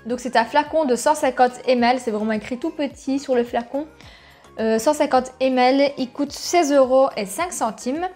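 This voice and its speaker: A woman with an Italian accent talks her way through a beauty unboxing on her channel. Her voice sits fairly high, and she chatters eagerly, reading out the product details. Faint music plays underneath. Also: a little mellow. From Italy. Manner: chatty, enthusiastic, reads product blurbs aloud. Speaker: beauty vlogger. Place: at home, filming on a phone.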